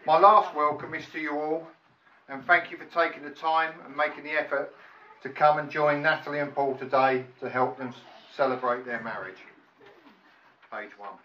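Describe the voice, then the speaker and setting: A middle-aged man gives a prepared wedding speech as father of the bride, halting and self-deprecating. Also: fairly high pitch, fairly even intonation. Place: large function room at a wedding reception. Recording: echoey room, distant mic, muffled, loud noise.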